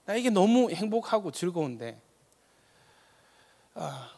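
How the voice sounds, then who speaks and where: A male pastor preaching a sermon with passion, swinging from loud emphatic peaks to soft quiet asides. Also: high-pitched, very animated, slow pace. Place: church sanctuary. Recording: long reverb of a church sanctuary.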